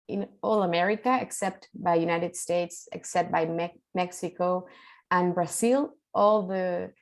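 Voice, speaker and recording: A Chilean mediator, whose first language is Spanish, delivers a keynote at a conference in a Chilean Spanish accent. Her voice is lowish, a little slow and fairly even, and she sounds nervous and hesitant, with many fillers and restarts.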